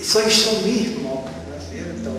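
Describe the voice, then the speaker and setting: A man's voice: on the high side, expressive, slow, pushed and bright. A man gives a conversational Bible teaching, often checking that his listeners follow. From Argentina. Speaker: teacher at a congregation. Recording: echoey hall, mic far off, faint room noise.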